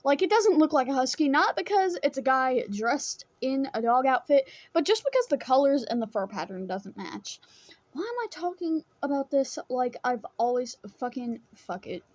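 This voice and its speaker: High-voiced woman co-host, hesitant. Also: sing-song, moderate pace, dry recording. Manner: hesitant, defends others. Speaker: reaction video co-host. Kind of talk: casual reaction chat.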